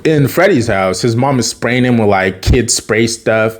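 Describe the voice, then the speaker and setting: A man's voice: mid-range voice, measured pace. A man casually recapping a TV episode, rambling with many fillers and self-corrections. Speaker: video creator.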